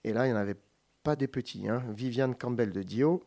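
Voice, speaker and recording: A man co-hosting a radio music show, reading long lists of names with joking asides and quick self-corrections. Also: mid-range voice, warm tone. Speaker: radio co-host presenting a music segment. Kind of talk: casual radio chat.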